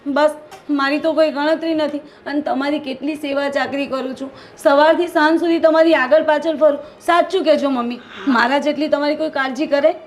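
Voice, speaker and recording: An actress playing a hardworking, resentful daughter-in-law who complains constantly, with a Gujarati accent. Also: female voice, high voice, fairly even intonation, a little fast, lightly acted. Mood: aggrieved. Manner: complaining, aggrieved.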